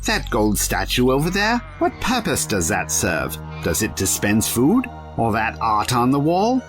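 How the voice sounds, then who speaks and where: Playful sardonic time traveller, theatrical delivery, lively swings in pitch, righteous streak, light music behind. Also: male voice, measured pace. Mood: sarcastic, reproachful. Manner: wry, sarcastic, theatrical. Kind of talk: audio drama acting.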